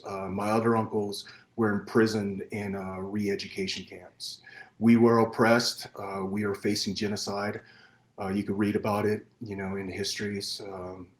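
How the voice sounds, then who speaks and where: A middle-aged man born in Vietnam, guest on a podcast, telling his life story in an earnest, measured way with many fillers and restarts. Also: lowish voice. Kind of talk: personal storytelling in interview. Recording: roomy echo.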